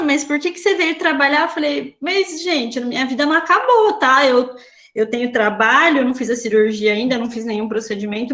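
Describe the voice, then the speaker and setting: A woman nurse joins a casual talk and agrees, sharing an experience much like the guest's. Her voice is somewhat high. The room around her is echoey. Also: a bit bright. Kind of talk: casual conversation.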